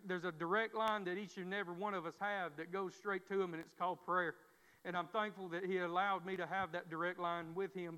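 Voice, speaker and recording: In a sermon, a man preaches in a high-pitched, sharp, smooth voice, often repeating words and restarting because of a stammer. The recording sounds dull and carries a long church reverb.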